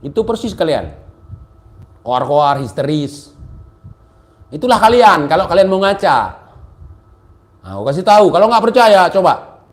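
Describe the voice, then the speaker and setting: Guy with a high voice mocking his opponents, sarcastic rant, gets shouty. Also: big pitch swings, unhurried, long pauses. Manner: taunting, sarcastic, repetitive, rising to shouts. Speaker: political commentator.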